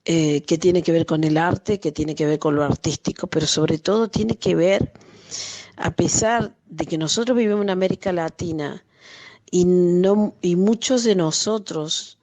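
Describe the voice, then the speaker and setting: An Argentine woman in her late fifties, an artisan and translator, reflecting thoughtfully on words in an interview, often pausing and restarting as she searches for the right phrasing. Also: lowish voice, a little mellow. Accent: Argentine Spanish. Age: 50s.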